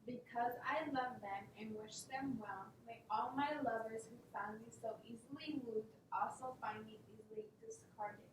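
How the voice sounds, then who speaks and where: A woman's voice: normal speed, few pauses. A woman playing a student, giving tentative, hesitant answers. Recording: echoey room, distant mic, faint rumble.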